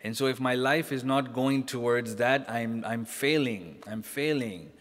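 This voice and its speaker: A man's voice: mid-range voice, a little slow, a bit bright. Man preaching casually in a reverberant hall. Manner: casual, talks directly to the audience with frequent "right?" and "you know?". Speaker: sheikh giving a religious lecture. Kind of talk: conversational sermon. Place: mosque hall, indoors.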